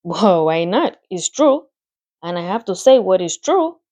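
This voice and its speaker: Reading a storybook aloud, a woman with a lowish, slightly mellow voice gives a very animated, unhurried performance. She voices a clever, matter-of-fact female spider in a pleasant, thin put-on accent, relishing the lecturing tone.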